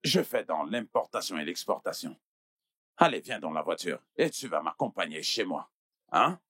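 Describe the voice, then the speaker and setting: A man's voice: low voice, big pitch swings, moderate pace, bright, forceful tone, no room sound, studio quality, full character voice. An actor dubbing a wealthy middle-aged businessman chief who coaxes and pleads, repeating himself with tag questions. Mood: coaxing. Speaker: dub actor. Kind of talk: dubbed film acting.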